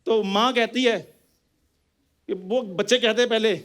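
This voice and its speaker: High-voiced bantering male comedian. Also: steady tone, measured pace, heavy background noise. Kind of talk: stage sketch comedy.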